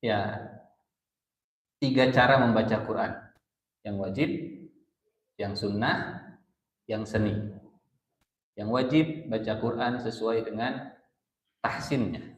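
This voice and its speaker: A man's voice: on the low side, fairly even intonation, takes it slowly, pauses often, echoey room, rough recording. A man with a Sundanese-inflected Indonesian accent teaching a Quran study circle, explaining verses and chanting Arabic recitation. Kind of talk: Islamic study lecture.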